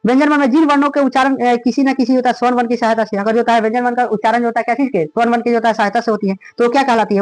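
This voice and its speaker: A man with a Bihari Hindi accent runs through an exam revision lecture in a very high, rapid voice. He fills his speech with stock phrases and poses questions that he answers at once. The room sounds small and dead, with no echo at all. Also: a little mellow. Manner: rhetorical questions answered himself, heavy filler phrases. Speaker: teacher.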